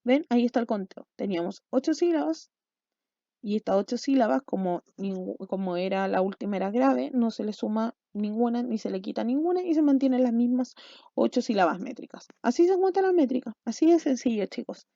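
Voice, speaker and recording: A woman's voice: on the high side, expressive, fairly quick, vocal fry, dark tone, dry recording. A woman teacher giving an online class, explaining step by step and often checking in with her students. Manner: patient, step-by-step explaining with frequent check-ins. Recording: dull lo-fi sound.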